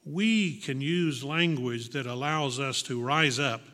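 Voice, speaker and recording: A man's voice: mid-range voice, slow pace, pushed and bright. A man preaching a sermon to a congregation, earnest and reflective, repeating words for emphasis. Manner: earnest, reflective, with small restarts and emphatic repetition. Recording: long hall reverb.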